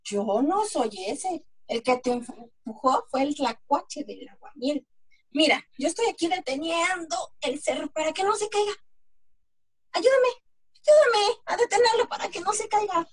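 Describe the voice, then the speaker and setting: A woman's voice: sits high, lively intonation, measured pace. A woman voicing a sly sweet-talking opossum. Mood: coaxing. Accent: Mexican Spanish. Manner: coaxing and sweet-talking, prone to giggling. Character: sly, quick-witted male opossum trickster. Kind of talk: amateur read-aloud folk tale acting.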